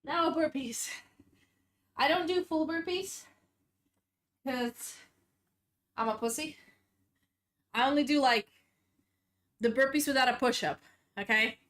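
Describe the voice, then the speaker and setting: Out of breath streamer lady counting reps, bright voice, slow, swears a lot. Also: high voice. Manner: casual, laughing, swears a lot. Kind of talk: casual chat while exercising on stream.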